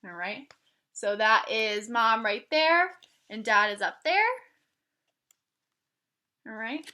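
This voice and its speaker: A woman slowly reads a picture book aloud for children, her fairly high voice pushed and bright. She weaves in simple explanations and asks her listeners questions in a teacherly, instructive manner.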